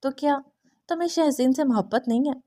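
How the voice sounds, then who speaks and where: A woman's voice: on the high side, warm tone, lightly acted. A woman voicing a proud, jealous young woman who speaks in a sarcastic, needling way in an audiobook reading. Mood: sarcastic probing.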